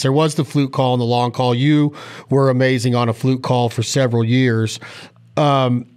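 A middle-aged man hosting a podcast, casually putting interview questions into a close microphone. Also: on the high side. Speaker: podcast host. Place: small indoor room, on video call. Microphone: close podcast microphone on boom arm, headset.

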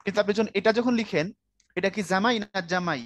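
A man's voice: sits high, quick pace, a bit bright. A man teaching a Bangla writing lecture in a casual, conversational way, often checking whether his students follow. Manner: conversational, asks students if they follow, colloquial speech.

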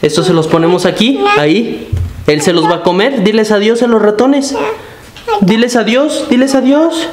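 A young Mexican man gently coaxing his toddler in sing-song baby talk while he shows her his animals. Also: sits high, normal speed. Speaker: exotic animal keeper and channel host. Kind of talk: casual vlog narration. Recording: echoey room with loud background noise.

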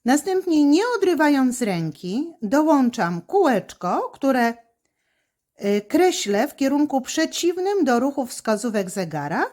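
A woman teacher explaining handwriting step by step, slowly and patiently, to children. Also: high voice, sing-song, darkish tone.

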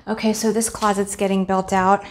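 Speaking at normal speed in a mid-range voice, a young homeowner vlogger offers a relaxed, chatty walkthrough of her townhouse being renovated. She shoots indoors on a handheld phone while construction sounds carry on in the background.

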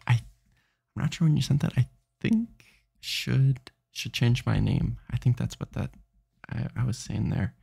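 A man's voice: medium pitch, vocal fry, mellow, husky. A sleepy man streaming late at night, rambling and restarting his sentences as he chats. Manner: rambling, self-interrupting, tired.

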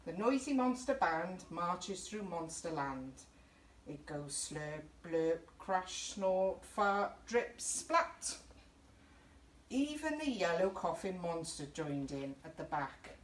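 A middle-aged woman with a lowish, very animated voice reads a children's picture book aloud at a slow pace, chatty and encouraging, often pausing to point things out. She presents story time for a youth service in a small indoor youth room. A camera a few feet away captures a roomy, distant sound with faint noise.

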